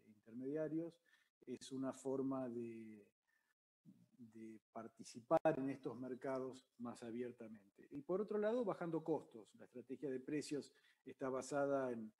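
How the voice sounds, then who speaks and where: A man gives a startup pitch over a video call, in a measured way with a few hesitant restarts. His voice is dark and mellow, sitting at a middle pitch. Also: low-quality recording.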